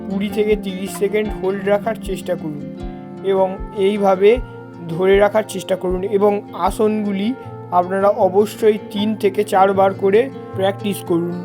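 Female yoga teacher, mid-pitched voice, step-by-step scripted instructions, soft guitar music behind. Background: plucked guitar music.

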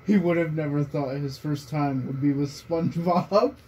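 A young man shares fan fiction aloud among friends in a small bedroom, frequently cracking up mid-reading. He speaks at a moderate pace in a fairly high, slightly mellow voice, and the room recording is noisy and casual.

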